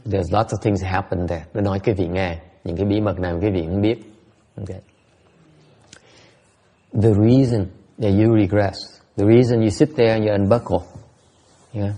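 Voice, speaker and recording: A middle-aged man giving a relaxed bilingual Buddhist dharma talk to his students, often repeating words and laughing. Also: lowish voice, normal speed, pauses often. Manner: repeats his words, laughs, switches between two languages. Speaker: Buddhist teacher.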